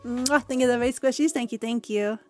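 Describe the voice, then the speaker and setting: A woman's voice: fairly high pitch, a little fast, a little mellow, soft background music. A young woman streamer chatting casually with her viewers, giggly and rambling, often repeating herself.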